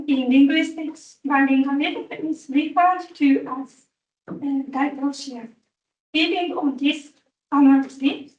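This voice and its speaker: A Japanese-speaking woman presents at an academic conference in a high voice, working through each point carefully and slowly, pausing on fillers. She's distant from the mic, and the conference-room echo leaves the recording roomy and dull.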